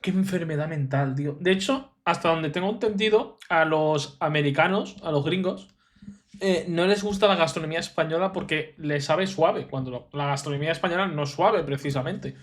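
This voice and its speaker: A man's voice: on the high side, normal speed. A man from Spain with a Spanish accent giving casual reaction commentary in blunt, incredulous, slangy remarks. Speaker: reaction streamer.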